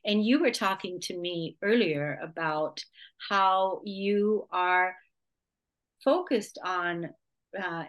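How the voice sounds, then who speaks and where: A woman's voice: fairly low pitch, fairly bright tone. A woman hosting a radio talk show, introducing and interviewing a guest in an effusive, enthusiastic way.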